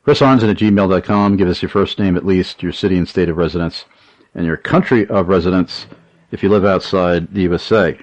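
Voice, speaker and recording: Male radio host, earnest and emphatic, lowish voice, dry close sound. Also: fairly quick, no room sound, low-quality recording. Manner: earnest, emphatic, repeats key details. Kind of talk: talk radio host, appeals and questions.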